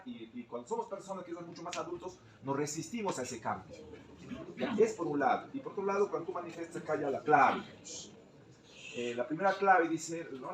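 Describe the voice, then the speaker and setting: A man's voice: on the high side, reverberant, recorded from a distance, slight background noise, poor audio. A male teacher speaking up in a training session, explaining things at length and often ending phrases with a tag question.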